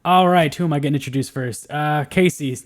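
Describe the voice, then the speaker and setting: Laughing podcast host, higher voice. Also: male voice, fairly quick. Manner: laughs often, friendly. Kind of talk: casual chat.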